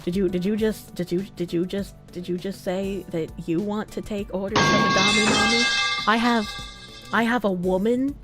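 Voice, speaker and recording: A woman's voice: medium pitch, steady tone, normal speed, loud music behind the voice. A woman with a Boston accent hosting a livestream, chatting casually and bawdily with her viewers, joking and swearing freely. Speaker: livestream host.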